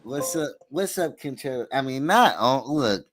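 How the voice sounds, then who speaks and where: A man's voice: medium pitch, lively intonation, measured pace, a little hiss or hum. A man hosting a casual livestream talk show, hyping up viewers and repeating his call-outs. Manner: hype, calls out to viewers, repeats phrases. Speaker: host.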